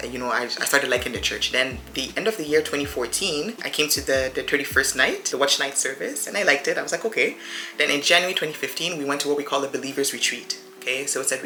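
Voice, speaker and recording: A woman in her thirties with a rumbling low voice and sharp tone chats while doing her makeup as a beauty vlogger. In this casual get-ready-with-me talk she rambles and addresses viewers as friends, with a roomy echo and faint music behind.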